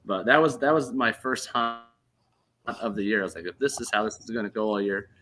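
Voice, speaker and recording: A man in his thirties casually telling a hunting story on a podcast, animated and laughing as he goes. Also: lowish voice, brisk, slight background noise. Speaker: podcast host.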